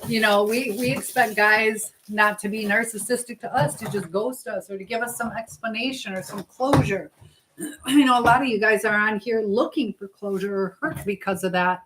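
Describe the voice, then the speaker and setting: Poor audio carries a woman's fairly bright, medium-pitched voice at normal speed as she hosts a casual live chat. She addresses viewers directly and reads their comments aloud conversationally, with noticeable background noise and clicks.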